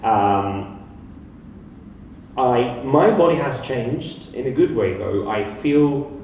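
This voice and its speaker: A man with a Greek accent whose first language is Greek, a composer answering questions on a live panel, halting and restarting words often. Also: mid-range voice, expressive, darkish tone, slight background noise. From Greece. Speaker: composer and pianist. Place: large echoey art fair hall. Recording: very echoey hall from far off.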